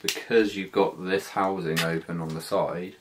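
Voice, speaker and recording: A man's voice: low-pitched, steady tone, unhurried, noisy background. A British man in his thirties giving a casual, slangy, slightly hesitant hands-on gear walkthrough indoors. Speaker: motovlogger. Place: small living room, indoors.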